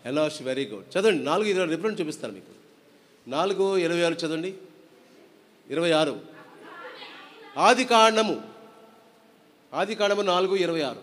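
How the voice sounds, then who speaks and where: A man's voice: on the high side, expressive, normal speed, long pauses, big-room sound, slight background noise. A male preacher giving a sermon, reading scripture, asking the congregation questions and urging them to clap along. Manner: exhorting, asks the congregation questions and leads clapping songs. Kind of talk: sermon with Bible reading and singing. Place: church prayer hall with music playing. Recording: loud music behind the voice. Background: accompanying music.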